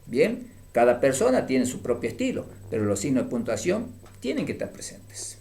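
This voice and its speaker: A man's voice: medium pitch, a little mellow. A man teaching a grammar lesson, explaining patiently and often checking in with short "mm?" tags.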